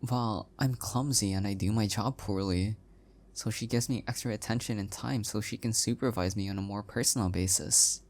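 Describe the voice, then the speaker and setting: Voicing an endearingly awkward young husband in an intimate one-way audio roleplay, a man speaks at a normal speed in a low, steady tone, lightly acted. He's soft, hesitant, and affectionate, sounding fond yet oblivious.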